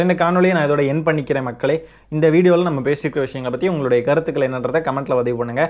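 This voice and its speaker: A man hosting his own channel, giving opinionated political commentary full of rhetorical questions and mockery. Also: fairly high pitch. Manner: mocking, argumentative, rhetorical questions.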